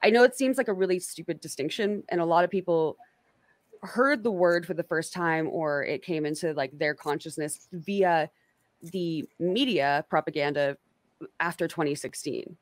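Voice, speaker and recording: Low-voiced woman host rambling in dry sound. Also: normal speed, no echo. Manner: rambling, filler-heavy, self-correcting. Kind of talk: casual online interview chat.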